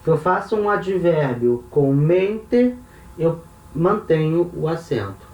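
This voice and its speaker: A man's voice: on the high side, very animated, slow pace, a little mellow, reverberant, recorded from a distance, dull audio. A man with a Brazilian Portuguese accent teaching grammar patiently, often checking in with tag questions. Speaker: language teacher. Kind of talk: explaining grammar.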